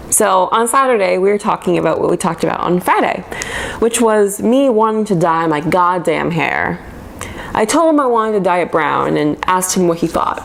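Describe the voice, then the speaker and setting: A woman's voice: fairly low pitch, gravelly, a little hiss or hum, poor audio. A woman in her twenties reading her old diary aloud in a casual, chatty way, embarrassed and poking fun at herself. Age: 20s. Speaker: vlogger reading her old teenage journal.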